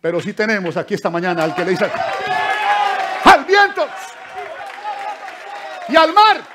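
A pastor preaching a sermon in church, swinging from loud exclamations to soft asides and keeping up direct address to his listeners as brothers. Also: high-pitched, huge pitch swings, unhurried, over a noisy crowd, heavy background noise.

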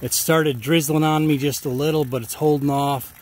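An American farm vlogger gives casual, folksy commentary in a conversational way, outdoors on a farm and partly from inside a tractor. His voice is a little high and darkish, steady, at a moderate pace. Vehicle and ambient outdoor noise come through clearly.

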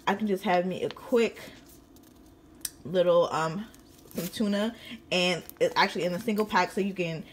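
A woman's voice: lowish voice, normal speed, long pauses, a little hiss or hum. A woman in her twenties chatting casually in a vlog, talking into a handheld phone in a car and then a home kitchen. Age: 20s. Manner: chatty, repeats "really, really good". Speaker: vlogger.

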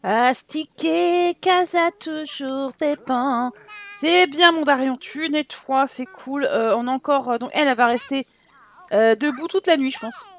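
A woman's voice: sits high, animated, normal speed. A young woman giving casual let's-play commentary, chatting to her game characters, bossing them around and laughing often. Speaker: gaming YouTuber.

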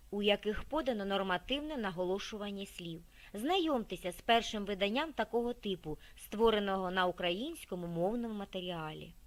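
Higher-voiced woman reading scripted narration. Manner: measured, expressive reading of word lists. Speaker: library narrator.

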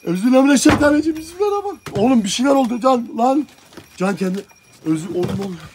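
This young man speaks fast in a high, darkish voice with lively intonation and a little hiss or hum in the audio. Vlogging a treasure hunt that turns into a night ghost hunt in an abandoned village, he's scared, pleads, and quietly mutters prayers.

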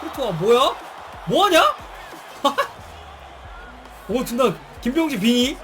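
A man giving excited live commentary on a football video game, with shouted bursts at big plays and casual slang. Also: high voice, unhurried. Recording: stream with game music and crowd noise.

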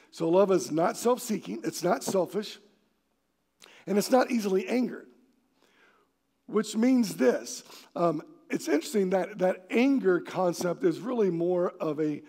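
Animated high-voiced male pastor preaching. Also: vocal fry. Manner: animated, acts out quoted voices and shouts for emphasis. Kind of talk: sermon. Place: church sanctuary.

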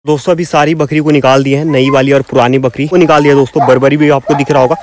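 A man talks fast and chattily as he films his goats outdoors, recording on a phone he holds as he walks. His pitch sits in the middle range, and he keeps addressing his viewers as friends. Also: level tone, darkish tone, a little hiss or hum. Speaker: goat farmer and vlogger. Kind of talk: casual farm vlog narration.

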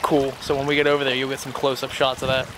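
A young adult man hosts a casual outdoor vlog, walking by a creek and a cemetery and talking upbeat to a handheld camera held at arm's length. His medium-pitched voice is monotone and fast, with background noise around him.

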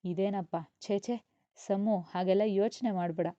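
Woman doing a brooding lovesick guy in a storybook, slow and self-soothing, dull dry recording. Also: mid-range voice, steady tone, mellow, no room sound, close to an everyday voice. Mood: anxious. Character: lovesick young man, anxious and brooding.

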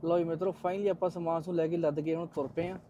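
Male vlogger, Punjabi accent, higher-pitched voice, rapid chatty delivery to camera. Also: little pitch movement, dark tone, no room sound. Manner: chatty, addresses viewers as friends. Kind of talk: casual vlog narration to viewers.

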